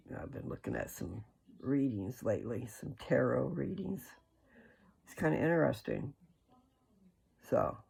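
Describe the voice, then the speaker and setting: Speaking in a gravelly, creaky, husky voice of medium pitch, a religious video host delivers an earnest, folksy talk that wanders off on tangents and then returns to his point. The recording is low in quality.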